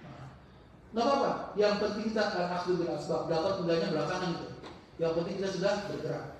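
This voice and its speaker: High-voiced male religious teacher in echoey hall. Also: recorded from a distance, slight background noise. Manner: halting, searches for words mid-sentence; animated storytelling with acted-out quotes. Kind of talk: informal religious study talk. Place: mosque hall. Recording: very echoey mosque hall, heard from afar.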